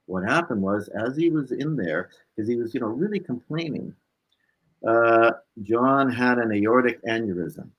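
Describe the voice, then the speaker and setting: A man with a medium-pitched voice speaks unhurriedly, the recording rough. He's a blues musician being interviewed, relaxed as he tells animated personal stories, acting out dialogue and punctuating lines with "right?".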